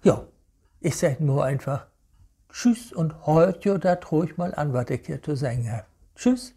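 A man with a Hamburg Low German accent gives a casual, rambling monologue, sounding indignant and slipping Low German words into his German. His voice sits a little high, with a gravelly, fry-laden edge and a mellow, dark tone. He talks slowly and unhurriedly. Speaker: vlogger.

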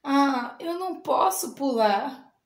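A woman's voice: high-pitched, animated, slow pace. A woman voicing a small, wistful male snail in a storybook reading, with sighing complaints in an echoey room.

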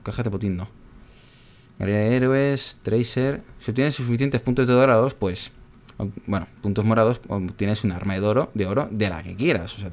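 A man casually commentating his own gameplay, chatty and excitable, groaning at every miss. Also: lowish voice. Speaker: gaming streamer.

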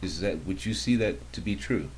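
A man hosting a talk radio show, asking his guest measured, leading questions. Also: low voice, darkish tone, breathy edge.

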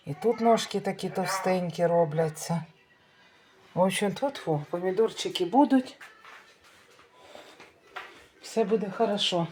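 Middle-aged woman, casual family vlogger, outdoors in a village, mid-pitched, homely chatter. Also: a little mellow, a little hiss or hum. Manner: chatty, homely, shows things to camera. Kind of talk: casual vlog narration.

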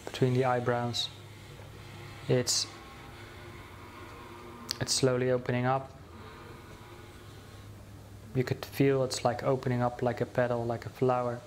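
A man leads a guided meditation in a mid-range voice, speaking slowly and soothingly. He pauses often and restarts his phrases. There is slight background noise.

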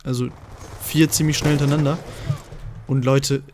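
A young man giving live gameplay commentary as a gaming video host, excitable and swinging from mutters to shouts. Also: mid-range voice, normal speed, noisy background.

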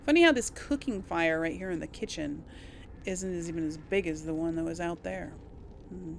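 A woman with a voice on the low side talks at normal speed, with a little hiss or hum and video game music in the background. Hosting a role-play gaming series, she keeps up casual, chatty commentary, directed at herself and at the game's characters.

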